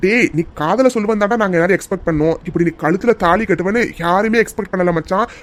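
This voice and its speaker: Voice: medium pitch, quick pace, natural voice. A narrator voicing a cheeky young man in a cartoon who mocks and bosses his newly married friend. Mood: teasing. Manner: teasing, bossy, calls his friend machan. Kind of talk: cartoon voice acting.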